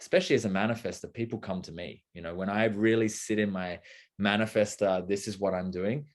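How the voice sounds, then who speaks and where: This young adult man speaks briskly in a fairly low voice with fairly even intonation. He co-hosts a live talk, keeping the conversation casual and thoughtful while rambling through lots of fillers and false starts.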